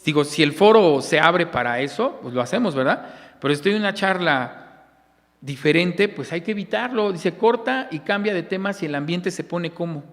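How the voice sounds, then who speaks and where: A man's voice: a little high, expressive, moderate pace, fairly bright tone. A Mexican man who is a deacon, teaching a church lesson and quizzing his listeners with questions he then answers himself. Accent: Mexican Spanish. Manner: asks the audience questions and answers them himself. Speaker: deacon teaching a Bible class. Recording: long echo of a church hall.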